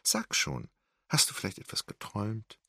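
A man's voice: on the low side, huge pitch swings, normal speed, creaky, pushed and bright, slightly rough, dry recording, clean studio sound, full character voice. A man voicing an anxious young woman who puts on a forced cheerful tone in a storybook reading.

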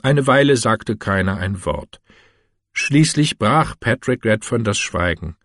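A man narrating an audiobook in a calm, measured storytelling manner with a husky voice. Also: on the low side, no echo, clean studio sound. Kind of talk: audiobook reading.

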